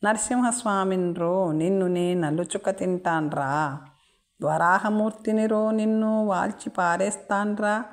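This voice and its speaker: A woman voicing a raving mad man who rambles in proverbs, taunts and sings mock lullabies, low and unhurried. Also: expressive. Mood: raging.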